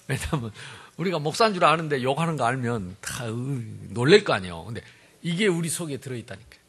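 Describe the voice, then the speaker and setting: A male pastor preaching a sermon in an animated, humorous way, swinging between loud emphasis and quiet asides. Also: medium pitch, brisk, husky.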